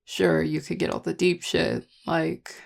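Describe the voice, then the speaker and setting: A performer voicing a charming, affectionate vampire lover in an intimate audio role-play, teasing and tender in a relaxed, gravelly voice. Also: mid-range voice, a little slow. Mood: tender, reflective. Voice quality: gravelly, heavy vocal fry. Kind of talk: intimate audio role-play, one-sided dialogue to listener.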